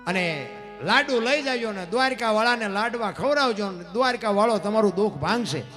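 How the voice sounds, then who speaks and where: A man telling a devotional folk story on stage, moving dramatically between hushed narration and loud acted lines. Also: sits high, expressive, a little fast, faint music behind.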